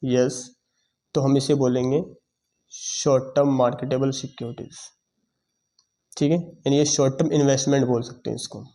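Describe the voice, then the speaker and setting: A man teaching accounting in a lecture, explaining step by step and checking in with his students. He has a sore throat and often clears it. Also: mid-range voice, fairly even intonation, normal speed, long pauses, mellow. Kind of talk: classroom lecture.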